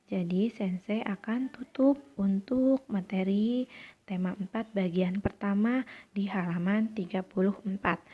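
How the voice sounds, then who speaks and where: A woman's voice: mid-range voice, dull audio. A woman teaching Japanese to students in a recorded lesson, with an Indonesian accent, explaining patiently and reading out short dialogues. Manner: clear, patient explanations with acted dialogue lines.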